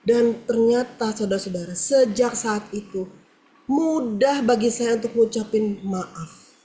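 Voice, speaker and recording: A woman with a fairly high, dark-toned voice speaks without hurry, sharing an earnest and candid personal testimony over a video call during an online prayer meeting. Her talk is full of fillers.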